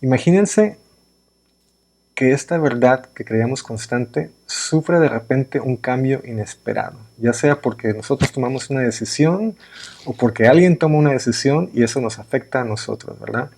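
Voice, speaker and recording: A man's voice: mid-range voice, moderate pace, creaky, a little mellow. A man explaining ideas through everyday examples in a pre-recorded workshop lesson, often checking in with "verdad?". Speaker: writing workshop instructor.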